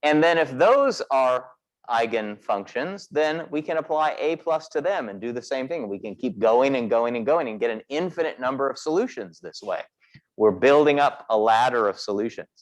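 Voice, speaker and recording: A man's voice: medium pitch, lively intonation, moderate pace. A man teaching a physics class, explaining step by step and asking the class questions as he goes. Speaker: physics instructor. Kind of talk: lecturing in a class meeting. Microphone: recorded class session.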